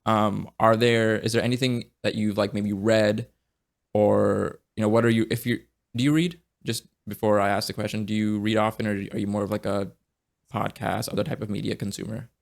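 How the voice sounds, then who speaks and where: A man hosting a casual interview podcast, speaking low with a gravelly edge. His delivery stays fairly flat, and he is earnest and reflective, often restarting his thoughts mid-sentence. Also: normal speed. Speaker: podcast host.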